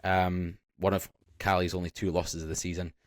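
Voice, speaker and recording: A man's voice: low-pitched, little pitch movement, moderate pace, no room sound, studio quality. A man hosting a casual football podcast, bantering as he leads the segments. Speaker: podcast host.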